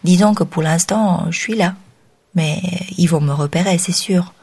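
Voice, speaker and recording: A woman's voice: on the low side, moderate pace, a little mellow, slightly rough. A woman reading an audiobook, voicing a drunk old homeless woman with a cavernous, growling voice and coarse, mocking talk. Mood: gruff teasing. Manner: coarse, familiar, teasing.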